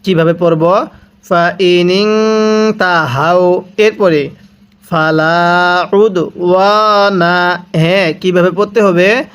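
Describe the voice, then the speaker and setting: A man teaching Quran reading, drawing out each recited word slowly and repeating it for learners to follow, with brisk explanations in between. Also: high-pitched, fairly even intonation. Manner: drawn-out chanted recitation between quick explanations. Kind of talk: slow spelled-out recitation lesson.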